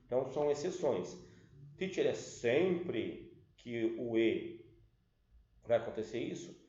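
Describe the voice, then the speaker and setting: A man's voice: mid-range voice, big pitch swings, slow pace, warm tone. A man with a Brazilian Portuguese accent teaching an English grammar lesson, explaining step by step and checking in with the class. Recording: roomy dull lo-fi sound.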